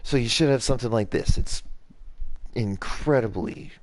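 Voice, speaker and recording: A young man hosting his own channel casually walks through a block-building game tutorial step by step, rambling and poking fun at himself. His mid-range voice moves at a normal speed, and the recording is dry.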